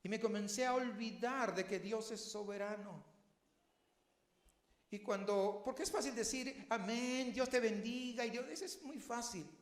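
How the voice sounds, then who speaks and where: Man, pastor, high voice, heartfelt sermon, echoey church hall. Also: unhurried. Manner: personal, heartfelt, rising to emphatic exclamations.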